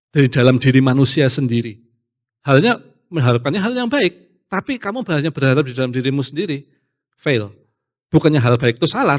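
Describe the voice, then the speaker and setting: A man preaching a casual youth sermon, animated, acting out quoted voices and slipping in English phrases. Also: on the high side.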